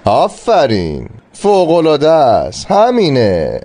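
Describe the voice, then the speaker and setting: A man's voice: fairly high pitch, huge pitch swings, noisy background. A man playing a fussy, theatrical male dance teacher in a dubbed TV drama, talking with exasperated, dramatic pleading. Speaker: dance instructor.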